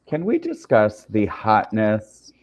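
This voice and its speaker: Male co-host, deep mellow voice, lively campy reactions, lo-fi sound. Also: takes it slowly. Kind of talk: casual gossip chat.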